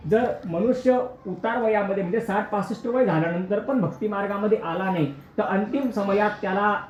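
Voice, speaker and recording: A man's voice: sits high, fairly quick, a little hiss or hum. Male preacher, storytelling sermon with sung verses; reverberant, dull-sounding recording. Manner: storytelling, addresses listeners directly, breaks into chanted verses. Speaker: kirtan preacher.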